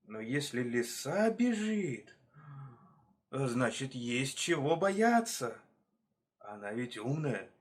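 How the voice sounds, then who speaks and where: A man voicing a strong wolf in a storybook tale, thinking aloud in a deliberate way. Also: mid-range voice, sing-song. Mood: pondering. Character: male wolf, strong, mulling things over.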